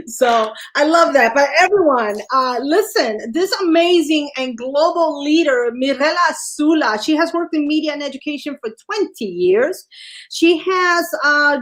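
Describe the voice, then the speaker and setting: A woman hosting an online talk show in a high voice. She is effusive, heaping praise on her guest and repeating her welcomes. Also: a bit bright. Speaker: co-host.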